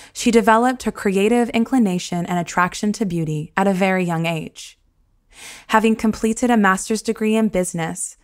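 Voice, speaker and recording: A woman's voice: mid-range voice, no room sound, studio quality. A woman hosting an interview podcast, asking friendly and playfully teasing questions.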